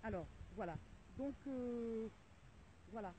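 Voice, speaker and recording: A woman's voice: fairly high pitch, takes it slowly, mellow. A middle-aged woman making an indignant, rallying video appeal to viewers, repeating her calls again and again. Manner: indignant, repetitive, rallying cries. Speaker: vlogger addressing viewers. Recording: tinny phone-like audio with faint noise.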